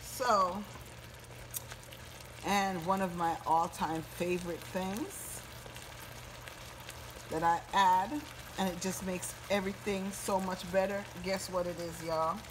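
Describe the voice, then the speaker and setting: A woman hosts a home cooking video, talking to her viewers in a casual, folksy way while she cooks at the stove. Her voice is fairly low and she takes it slowly, leaving long pauses. It's filmed on a handheld phone camera with background noise.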